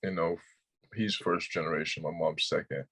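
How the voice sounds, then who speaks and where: A man, a podcast guest, talking about his start in music in a relaxed, joking way. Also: sits low, moderate pace, gravelly, slightly rough, poor audio. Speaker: guest singer. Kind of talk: casual podcast chat.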